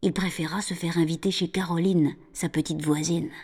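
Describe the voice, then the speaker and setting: A woman narrating a children's story in an expressive, lively reading voice. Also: fairly low pitch, moderate pace, slightly rough.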